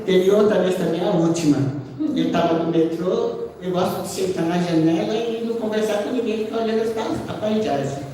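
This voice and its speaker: A woman's voice: mid-range voice, brisk, warm tone. Woman testifying in an echoey church hall. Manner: conversational storytelling, often tags sentences with "né?"; acts out quoted dialogue within her story. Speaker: missionary giving a testimony. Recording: echoey church hall, voice far off, faint background noise.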